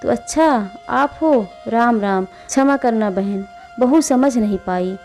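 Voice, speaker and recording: A woman's voice: a little high, takes it slowly, darkish tone, soft background music. A woman doing a stern old mother-in-law. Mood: apologetic. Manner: scolding, commanding. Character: stern old mother-in-law, scolding but polite to guests.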